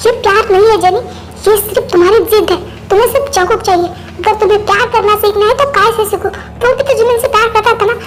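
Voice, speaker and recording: A woman's voice: very high-pitched, steady tone, fast. A woman voicing a blunt friend who lectures insistently in a fan-dubbed drama. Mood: stern. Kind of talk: Hindi fan-dub voice acting.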